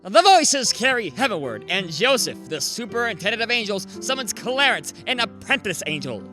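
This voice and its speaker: Man playing a high, showy 1940s radio announcer. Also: big pitch swings, normal speed, bright, forceful tone, soft background music, exaggerated voice. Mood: solemn narrating. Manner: grand, showy, projected announcing. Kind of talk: 1940s live radio play acting.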